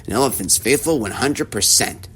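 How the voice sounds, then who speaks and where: A man voicing a steadfast, gentle male elephant in a storybook read-aloud, speaking slowly and earnestly. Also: medium pitch, expressive, husky.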